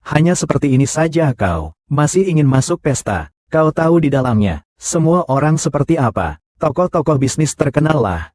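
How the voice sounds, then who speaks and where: A man's voice: a little high, big pitch swings, moderate pace, a little mellow, dry recording, clean studio sound. A man voicing the characters of a dubbed short drama, with a scornful, confrontational delivery.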